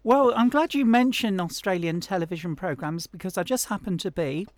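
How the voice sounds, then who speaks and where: A woman hosts a podcast interview, chatting eagerly as a fan of her guest's work. Her voice sits at an ordinary pitch for a woman. The sound is dry and close, with no room echo. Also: fairly quick. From United Kingdom. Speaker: podcast host. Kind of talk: conversational interview.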